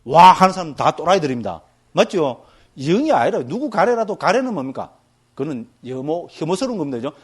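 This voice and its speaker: A man's voice: on the high side, fast, breathy edge. A male Buddhist monk giving a doctrine lecture. He keeps checking in with his listeners after almost every phrase and tells graphic examples with sound words. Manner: lively, tags nearly every phrase with a check-in question to the listeners.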